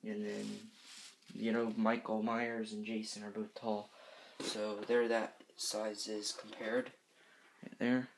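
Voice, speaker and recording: Creaky, monotone teenage boy. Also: fairly low pitch, slow, noisy background. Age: teenager, fifteen. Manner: hesitant, rambling, self-correcting. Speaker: reviewer of horror movie masks. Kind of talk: casual, unscripted product review.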